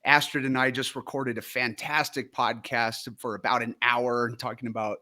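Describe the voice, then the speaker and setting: Male host, enthusiastic, effusive, mid-pitched voice. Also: flat delivery, normal speed, pushed and bright. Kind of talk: live interview hosting.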